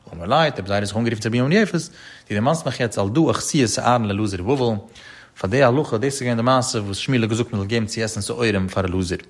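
A man giving a Talmud study lecture in a rapid, chanting delivery with frequent rises and falls. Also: lowish voice. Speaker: Talmud teacher.

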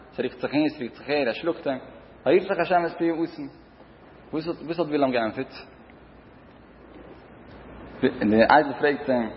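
Man preaching in an echoing hall. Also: on the high side. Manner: short repeated phrases, rising and dropping in loudness. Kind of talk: sermon with parables. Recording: dull sound in a reverberant hall, faint noise.

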